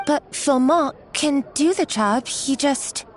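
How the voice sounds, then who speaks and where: Game role: flustered, meek junior cook, high, halting, stammering, pleading. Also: female voice, soft background music. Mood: timid, confused. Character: timid, flustered, meek young female kitchen worker. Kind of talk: animated game voice acting.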